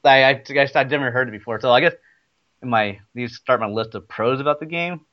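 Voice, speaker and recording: A man's voice: medium pitch, brisk. Rambling man in lo-fi gaming chat. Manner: rambling, many restarts and fillers.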